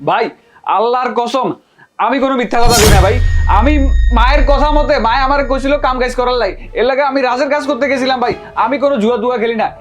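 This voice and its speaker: An actor playing an agitated younger brother who complains loudly. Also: male voice, very high-pitched, steady tone, fast talker, soft background music. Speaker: younger brother in a family drama. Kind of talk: television drama acting.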